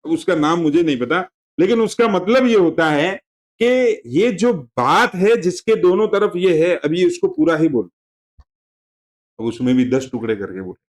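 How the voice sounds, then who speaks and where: A man giving a religious lesson to a class, explaining terms in a conversational, digressive way and repeating himself to make points clear. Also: fairly high pitch, expressive, normal speed. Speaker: religious teacher.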